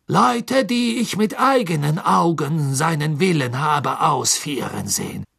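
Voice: mid-range voice, expressive, unhurried, vocal fry, a bit bright, breathy edge, no echo, studio quality, pitched above the performer's own voice, full character voice. An audiobook reader voicing a cowardly male former follower who speaks hastily and breathlessly, stammering as he pleads. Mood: pleading. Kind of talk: audiobook character voice.

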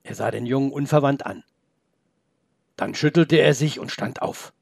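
A man narrating a children's story aloud in a gentle, expressive way. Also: medium pitch, moderate pace, gravelly, no echo, clean studio sound.

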